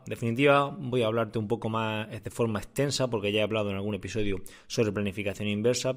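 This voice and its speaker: A man speaking casually as a podcast host and coach, explaining things and often rephrasing as he goes. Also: on the low side. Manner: conversational, often repeats and rephrases. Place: room indoors. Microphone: condenser microphone.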